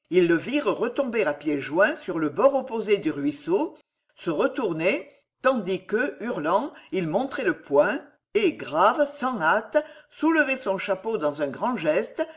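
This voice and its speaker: An audiobook narrator reading a historical adventure novel with an expressive, dramatic delivery. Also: medium pitch. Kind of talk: scripted narration.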